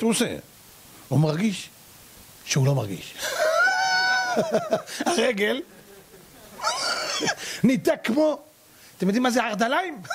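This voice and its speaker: Animated high-voiced rabbi preaching. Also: male voice, a little hiss or hum. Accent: Israeli Hebrew. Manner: animated, acts out characters and cries out. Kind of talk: sermon with storytelling.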